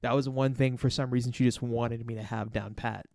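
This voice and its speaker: A man's voice: mid-range voice, level tone, a little fast, a little mellow, no echo, clean studio sound. A man co-hosting a casual podcast, explaining himself earnestly and carefully, with many fillers and restarts. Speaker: podcast co-host.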